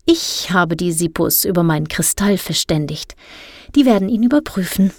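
Snippy know-it-all teen girl, read by a woman, preachy, lowish voice, dry storybook sound. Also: lively intonation, a little slow, a little mellow, no room sound. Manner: snippy, lecturing. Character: snippy, self-righteous teenage girl. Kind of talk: audiobook character voice.

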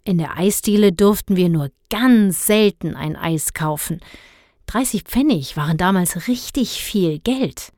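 Woman reading a grumbling tight-fisted father, indignant, scolding, slow-spoken. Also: lowish voice, lively intonation, darkish tone, no echo, clean studio sound. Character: grumpy stingy middle-aged father.

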